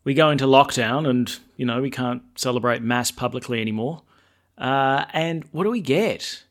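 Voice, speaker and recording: A man's voice: medium pitch, normal speed. A man speaking as a priest at Mass, in the style of Gospel reading and homily.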